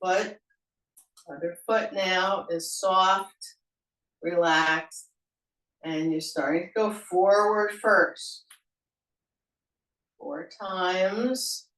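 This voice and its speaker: A woman guides a senior yoga class at an unhurried, very slow pace, calm and gentle in her cues. Her voice sounds roomy and echoey. She is some distance from the mic. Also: lowish voice. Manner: slow, gentle cueing with playful laughter exercises. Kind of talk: guided exercise class instruction.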